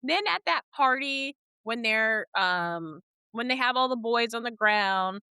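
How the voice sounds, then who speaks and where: Lively, bright young woman podcast co-host. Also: on the high side, measured pace, clear, resonant tone, dry recording. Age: young adult. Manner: enthusiastic, agrees eagerly, animated. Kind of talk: casual chat.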